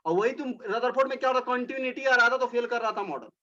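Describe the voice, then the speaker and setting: A man's voice: very high voice, quick pace, bright, forceful tone, muffled recording. A male teacher giving a classroom lecture, explaining step by step, repeating points and speaking directly to his students.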